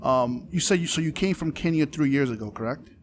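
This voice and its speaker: A man's voice: a little high, animated, fairly quick. A man from the Dominican Republic hosting a podcast interview, speaking with enthusiastic, hype-style energy. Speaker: podcast host. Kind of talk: casual interview.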